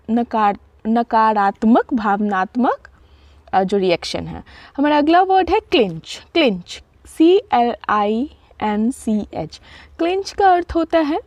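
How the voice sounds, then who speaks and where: A high-pitched woman with an Indian accent teaching vocabulary at an unhurried pace. She spells each word out letter by letter and reads the English definitions slowly, in a dry, close recording. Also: a little mellow, dry recording. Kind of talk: explaining word meanings.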